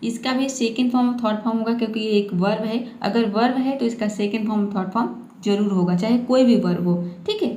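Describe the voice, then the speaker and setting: A woman gives a patient English vocabulary lesson, spelling words out and repeating them slowly. She adds a steady "ठीक है" ("okay") after each point, and her fairly high voice sounds reverberant.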